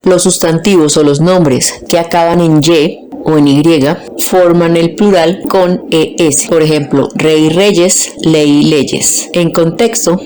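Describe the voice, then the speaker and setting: This is a woman giving a scripted grammar lesson. Her voice sits somewhat low and sounds mellow and warm. She talks very slowly and carefully, taking words apart piece by piece. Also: fairly even intonation, slight background noise. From Colombia. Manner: slow, deliberate, splits words into their parts. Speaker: Spanish teacher.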